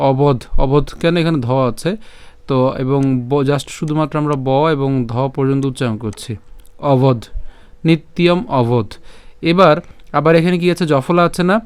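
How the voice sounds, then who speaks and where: A Bengali-accented man teaching Sanskrit verse pronunciation, breaking words into syllables, repeating them slowly and answering his own questions. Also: on the high side, clean tone, no room sound. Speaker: Gita recitation teacher. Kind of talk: slow syllable-by-syllable pronunciation lesson.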